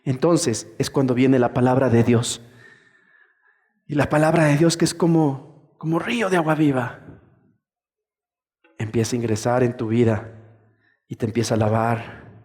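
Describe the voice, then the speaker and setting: A male pastor preaching a sermon in a lively way, acting out the voices of churchgoers as he goes. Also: mid-range voice, unhurried, long pauses, long reverb tail.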